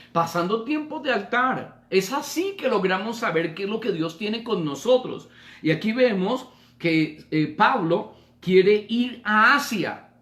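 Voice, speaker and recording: A pastor preaching a sermon in a slightly high man's voice. He asks his listeners rhetorical questions and swings between loud, emphatic lines and soft, low ones. The room around him is echoey.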